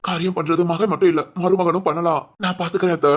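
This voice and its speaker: A woman voicing a gentle, protective young husband in a cartoon family drama, talking softly and comfortingly. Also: on the low side, fairly even intonation, quick pace, lightly acted. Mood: dutiful. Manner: soft, comforting and reassuring.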